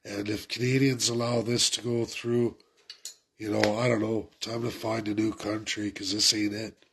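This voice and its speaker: Against a noisy background, a congested man with a head cold rants urgently and repetitively about politics to his viewers on camera. He's a political commentator whose voice sits on the low side, creaky and flat, at a moderate pace.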